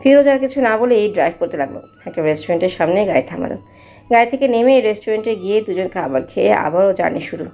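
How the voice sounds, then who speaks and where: A young woman narrating a romantic audio story in a steady, unhurried way. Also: mid-range voice, soft background music.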